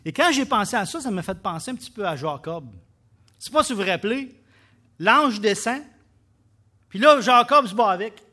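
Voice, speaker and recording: A man with a Québécois French accent preaching a sermon, emphatic, with loud bursts and quiet drops. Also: high voice, lively intonation, moderate pace, pauses often. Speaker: pastor.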